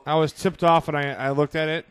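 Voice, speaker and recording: A man's voice: a little high, level tone, brisk, fairly bright tone, clear, resonant tone. A man casually chatting in an audio commentary over a film, joking and crude.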